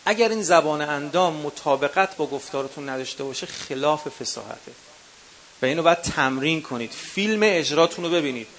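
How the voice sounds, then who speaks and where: A man with a Qom accent leads a teaching workshop and lays out his advice one numbered point at a time. His voice sits a little high for a man. He speaks to the room directly and calls his listeners dear ones. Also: expressive, a bit bright. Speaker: workshop instructor for religious eulogy singers. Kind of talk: workshop lecture. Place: workshop session with a live audience.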